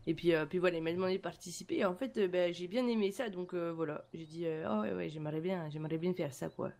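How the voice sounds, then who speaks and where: A woman's voice: lowish voice, quick pace, darkish tone, lightly acted. A woman playing a young female rapper from Medellín in a role-play interview, hesitant and full of fillers. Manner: hesitant, many fillers and restarts.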